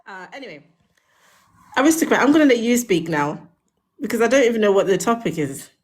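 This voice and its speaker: A woman in her thirties with a British accent, chatting on a live stream from home, emphatic and quick to laugh. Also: a little high, sing-song, a little hiss or hum. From England. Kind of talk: casual live chat. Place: home in Cornwall.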